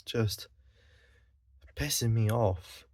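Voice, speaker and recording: A man's voice: fairly low pitch, extremely slow, a little mellow, dry recording. A Scottish man delivering a blunt, profane monologue, exasperated, sighing and correcting himself as he goes. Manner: swears a lot, blunt and exasperated, with sighs and self-corrections. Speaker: vlogger.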